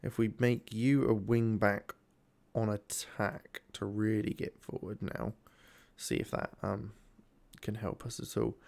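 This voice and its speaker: A man's voice: lowish voice, level tone, measured pace, gravelly, a little mellow. Rambling man playing a game. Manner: rambling, self-chatting, thinks aloud with many ums. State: yawning and tired. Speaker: gaming YouTuber. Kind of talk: casual let's-play commentary.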